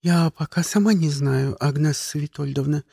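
A man reading an audiobook, voicing a young, flustered female schoolteacher who asks anxious, quick questions. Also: on the high side, lively intonation, creaky, darkish tone, husky, dry recording, clean studio sound, heavily acted.

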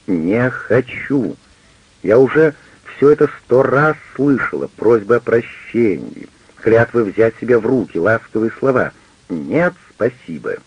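A man with a gravelly, husky voice voicing an indignant, hurt middle-aged wife who argues with her husband in an audiobook. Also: mid-range voice, animated, measured pace, dry recording, lo-fi sound. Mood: angry. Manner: reproachful, heated, pleading.

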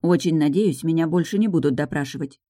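A woman's voice: low voice, fast talker, mellow, no echo, studio quality. A woman voicing a blunt, practical young witch heroine in a matter-of-fact way. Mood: plain. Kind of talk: audiobook narration.

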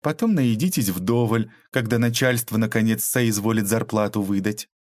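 A man's voice: lowish voice, moderate pace, a little mellow, no room sound, lightly acted. A man reading an audiobook aloud, voicing a tough, ironic young woman detective who mocks and lectures. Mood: mocking. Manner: mocking, cold, lecturing.

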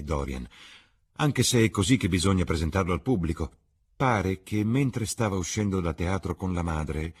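Male reader as a deep-voiced worldly gentleman, grave and persuasive, storybook drama. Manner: grave, smooth and coaxing. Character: worldly, cynical older gentleman, calm and persuasive.

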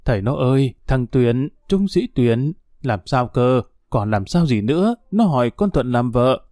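A man voicing a sharp-tongued older mother in a read-aloud story, scolding in a mellow, dark voice. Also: mid-range voice, expressive, measured pace, no echo, clean studio sound, natural voice.

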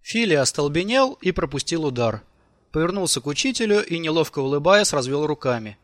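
A man narrating an audiobook in an expressive, lively way. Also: a little high, a little fast, dry recording.

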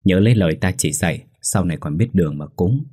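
A man's voice: low voice, quick pace, warm tone, slightly rough. A man voicing a stern old village ritual master who gives commanding instructions. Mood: instructive.

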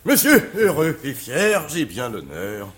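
A husky man a jovial, excitable husband who chortles and talks loudly. His pitch is fairly high and leaps all over the place. It has the feel of a 1950s stage farce. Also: slow, full character voice. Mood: eager. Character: jovial, cuckolded middle-aged husband.

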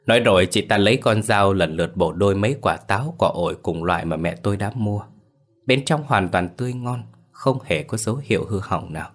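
A man narrating a ghost story in a somber, measured way. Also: on the low side, expressive.

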